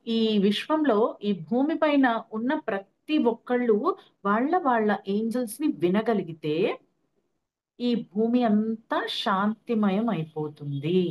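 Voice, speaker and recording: A woman's voice: medium pitch, muffled recording. Woman telling a spiritual story. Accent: Telugu. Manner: lively storytelling, acting out her own quoted speech. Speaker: guest speaker on angels and meditation.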